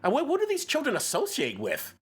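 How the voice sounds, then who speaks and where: A man's voice: extremely high pitch, huge pitch swings, fairly quick. A man co-hosting a podcast, chatting casually, laughing often and restarting his sentences. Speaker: podcast co-host. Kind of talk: casual chat.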